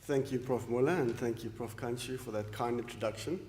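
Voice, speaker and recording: A man in his late forties from Zimbabwe, a professor delivering his inaugural lecture, speaks in a mid-range voice at a fairly quick pace, earnest and formal but with frequent ums and restarts. He's in a large lecture hall, and the echoey recording carries long reverb and a lot of noise.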